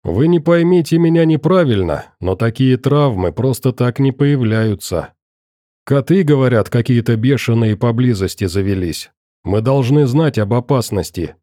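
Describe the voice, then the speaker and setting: A man's voice: mid-range voice, lively intonation, warm tone, no room sound, studio quality, lightly acted. A man voicing a coldly polite middle-aged interrogator in an audiobook, courteous and probing. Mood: pointedly polite. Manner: pointedly courteous, probing, deliberate.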